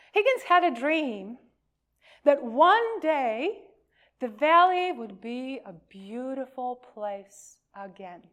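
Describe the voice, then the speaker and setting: A woman with a high, somewhat bright voice reads a children's story aloud to a congregation. She tells it expressively, adding emphasis and deliberate pauses.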